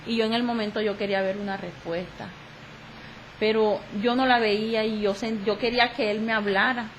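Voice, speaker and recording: A woman's voice: mid-range voice, steady tone, slight background noise, low-quality recording. Woman from Colombia's giving testimony. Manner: halting, repeats herself, acts out quoted dialogue. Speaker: radio guest giving testimony. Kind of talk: emotional religious testimony.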